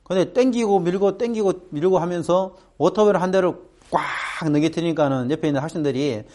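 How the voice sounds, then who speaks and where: A middle-aged man with a somewhat high voice addresses a room of students, telling a story from his own life. He is animated and slips into the voices of the people in it, with sudden high pitch jumps. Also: a little fast, slight background noise. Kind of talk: storytelling talk.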